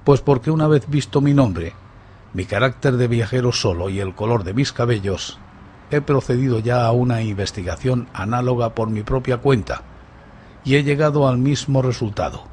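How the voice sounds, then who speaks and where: A man's voice: medium pitch, normal speed, darkish tone, slight background noise, lightly acted. A man playing a taciturn, defiant young traveller accused of theft in a dramatized story. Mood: coolly defiant. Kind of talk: dramatized audiobook dialogue.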